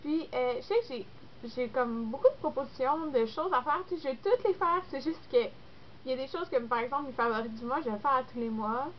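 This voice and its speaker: A young beauty vlogger with a Québécois French accent chats casually to camera while congested with a cold, rambling and leaning heavily on fillers. Her voice sits high, expressive and fairly quick, in a dull lo-fi recording with faint noise.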